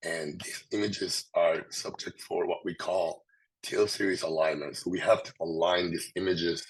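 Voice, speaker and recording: A man presents scientific material in a low, husky voice, thick and hoarse from a sore throat. His delivery is halting, with frequent pauses as he explains things. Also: fairly even intonation, poor audio. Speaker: presenter, researcher.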